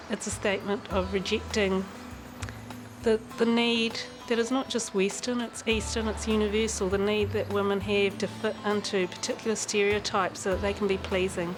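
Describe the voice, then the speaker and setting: As an interview guest, a woman with a New Zealand accent speaks frankly about personal matters. She comes across as candid and reflective and laughs easily, her voice sitting at a middle pitch for a woman.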